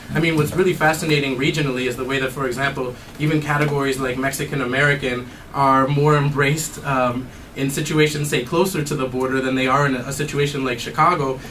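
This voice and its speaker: A man's voice: medium pitch, fairly bright tone. A man, an anthropology professor, answering audience questions in a thoughtful way with many fillers and restarts. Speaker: anthropology professor giving a talk. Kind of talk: academic Q&A answers. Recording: distant mic, faint noise.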